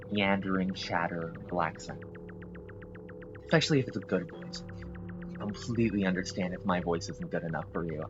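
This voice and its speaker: A gameplay video host with a low-pitched voice, recorded with dull audio, rambles casually while playing a video game. He sounds apologetic, and his talk is packed with fillers and restarts.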